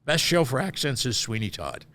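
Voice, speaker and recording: A man's voice: mid-range voice, big pitch swings, moderate pace, a bit bright, a little hiss or hum. A man from Northeastern Pennsylvania, a theatre manager, chatting casually as an interview guest in a self-deprecating way and often repeating words as he starts.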